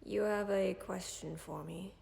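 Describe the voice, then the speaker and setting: Speaking to a listener in audio roleplay, a woman voices a caring female dragon with a calm, tender mood. Her gravelly, fry-heavy voice moves very slowly and softly in a measured, often near-whispered manner, with words dissolving into a long reverb.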